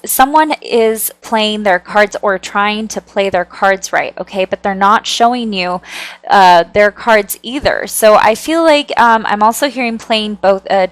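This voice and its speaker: A woman's voice: mid-range voice, smooth, dry recording. A woman giving a channeled tarot reading in a chatty, conversational way, often checking in with the listener and speaking with nervous amusement. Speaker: tarot reader.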